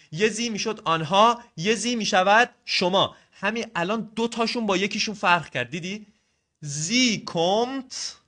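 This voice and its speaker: A young man teaching a language on video, with a bright, ringing tone and a slightly high voice. He talks straight to the learner in a lively, coaxing way. The tone is casual. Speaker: German teacher.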